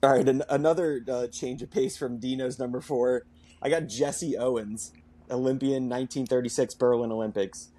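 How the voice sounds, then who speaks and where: A young man co-hosting a casual sports podcast, easygoing and quick to laugh. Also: mid-range voice, fairly even intonation, mellow. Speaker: podcast co-host.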